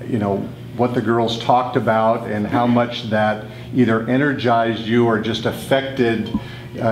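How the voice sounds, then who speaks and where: A man moderating a press conference, asking halting, measured questions with fillers. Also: on the low side, darkish tone, reverberant, a little hiss or hum, poor audio.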